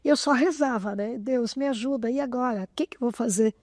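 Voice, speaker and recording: A woman's voice: on the high side, fairly quick, no echo. Older woman telling an emotional story. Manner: animated, often close to tears. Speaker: interview guest, association president.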